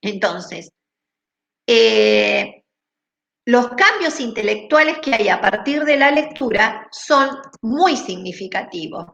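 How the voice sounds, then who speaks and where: Woman teacher, fairly high voice, patient and explanatory, recorded in an echoey room. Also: animated, gravelly, fairly bright tone, highs cut off. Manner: deliberate, explanatory, checks understanding with "¿sí?". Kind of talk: online class lecture. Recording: roomy echo.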